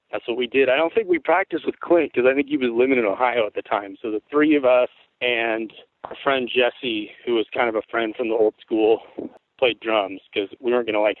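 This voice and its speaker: Over a tinny, phone-like line with a dry sound and no room tone, a Tacoma, Washington man in his forties chats as a guest musician on an interview show. His voice is rough, worn, and mid-range, and his storytelling meanders in a laid-back way, full of swearing.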